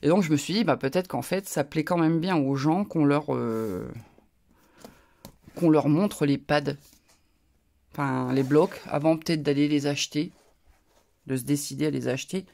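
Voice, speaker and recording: Gravelly chatty woman with a northern French accent. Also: low voice, normal speed, long pauses, mellow. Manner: chatty and rambling, with frequent asides. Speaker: crafting YouTuber. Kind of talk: casual haul video chat.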